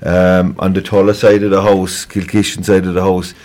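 Low-pitched Irish man with a Kerry accent. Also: little pitch movement, normal speed, darkish tone. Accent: Kerry, Ireland. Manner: hesitant, repeats words, conversational. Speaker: police sergeant, guest. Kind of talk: informal crime report interview on local radio.

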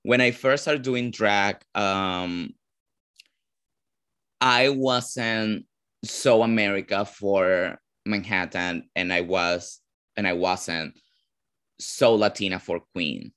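A man from Venezuela with a Venezuelan Spanish accent, a drag performer answering interview questions casually, often pausing to search for words. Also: on the low side, fairly bright tone, clear, resonant tone. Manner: searching for words, frequent "like" fillers.

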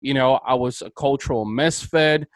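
A Bulgarian man hosts a podcast interview, speaking in an enthusiastic, motivational way at a normal speed. His voice is medium in pitch, and the recording is low quality but free of echo.

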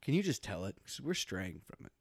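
A man's voice: on the low side, very animated, a little fast, gravelly, breathy edge, dry recording. A young man trades crude, teasing banter on a podcast, his voice rising and falling with animation. The studio mic keeps him close and dry. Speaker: podcast co-host. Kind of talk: casual chat.

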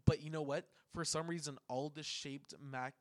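Animated young man in casual podcast banter. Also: a little high, normal speed, no room sound, clean studio sound. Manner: animated, argumentative, swears. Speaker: podcast co-host. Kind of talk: casual chat.

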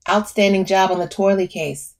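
A woman voicing a smooth, brash middle-aged male lawyer who talks bluntly and swears. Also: medium pitch, steady tone, normal speed, close to an everyday voice.

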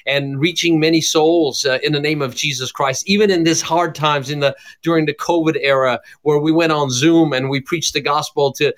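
A man's voice: on the high side, steady tone, normal speed, few pauses. A man from Jerusalem, a cardiologist and evangelist, giving his testimony in an interview with fervent, preacher-like emphasis.

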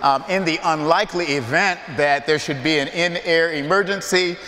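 A man's voice: fairly high pitch, moderate pace, bright, forceful tone, a little hiss or hum. A man imitating a flight attendant reciting the routine safety announcement. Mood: rote. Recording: long cathedral reverb.

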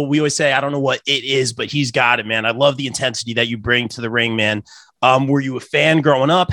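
A man's voice: mid-range voice, fairly bright tone, no room sound, studio quality. A man hosting a casual interview in an informal, chummy way. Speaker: interview host.

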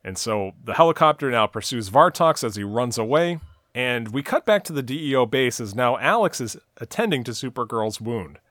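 A man co-hosts a casual podcast, walking through a TV episode scene by scene and narrating the plot at length. His medium-pitched, slightly bright voice has lively intonation at normal speed, sprinkled with "uh" and "you know." The recording is dry and studio quality.

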